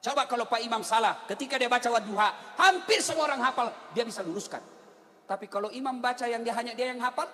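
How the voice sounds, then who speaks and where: A man preaching a humorous sermon, telling lively stories and repeating rhetorical questions to the crowd. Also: very high-pitched. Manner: animated storytelling, repeats rhetorical questions, acts out characters. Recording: long hall reverb.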